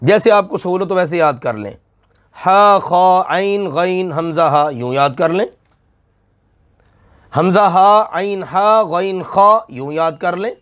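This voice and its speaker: A man's voice: high-pitched, takes it slowly, a bit bright. A middle-aged man teaching Quran recitation rules, stretching out the sounds he recites and patiently repeating each rule with questions for the listener. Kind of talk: slow Tajweed lesson with drawn-out recitation.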